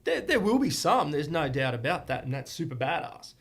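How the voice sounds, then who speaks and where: A man's voice: a little high, very animated, fairly quick. A man, a martial arts academy owner and guest on a podcast, speaking earnestly in long flowing explanations. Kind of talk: casual podcast interview.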